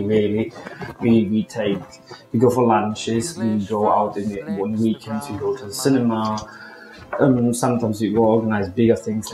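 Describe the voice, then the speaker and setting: Chatty man in echoey room. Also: medium pitch. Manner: chatty, searching for words. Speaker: local group organizer. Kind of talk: documentary interview.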